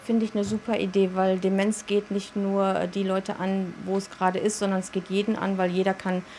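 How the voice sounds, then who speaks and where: A woman giving an enthusiastic interview statement, speaking quickly with a few fillers. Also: mid-range voice, little pitch movement, darkish tone, slight background noise.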